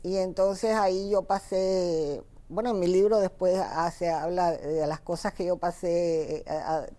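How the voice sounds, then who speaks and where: A woman in her seventies from Cuba with a Cuban Spanish accent, a guest author telling her family story in an interview, unhurried and full of fillers and restarts. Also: on the low side, steady tone, dark tone. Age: 70s.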